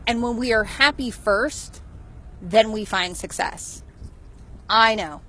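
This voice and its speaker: A woman vlogger talking casually on a live stream, animated and chatty, swearing now and then. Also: a little high, slow pace, slight background noise, low-quality recording. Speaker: motivational vlogger.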